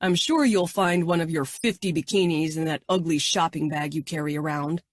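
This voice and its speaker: A woman's voice: sits low, normal speed, dry recording. A woman voicing a crude, cocky fourteen-year-old boy who drawls his lines.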